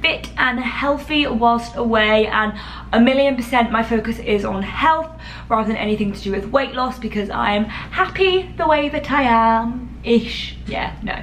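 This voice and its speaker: A woman's voice: fairly high pitch, moderate pace, fairly bright tone, a little hiss or hum. A young woman chatting casually to camera in a vlog, self-deprecating and friendly. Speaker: vlogger. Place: small bathroom at night.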